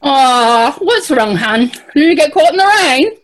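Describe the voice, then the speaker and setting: A woman's voice: high voice, animated, a little slow. A woman playing a brash, teasing bartender serving a customer. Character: brassy friendly female bartender.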